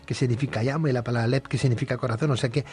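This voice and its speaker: A man hosting a talk show, reading a formal introduction and then interviewing his guest in a measured way. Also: medium pitch, fairly even intonation, a little mellow. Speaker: radio show host.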